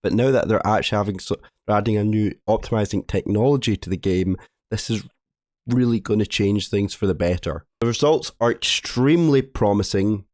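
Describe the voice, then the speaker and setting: With no room sound and a dry, close feel, a man whose low voice is hoarse from a cold briskly covers a game update. He hosts gaming videos, his tone dark and mellow, and he rambles in a relaxed way, tripping over words and starting again.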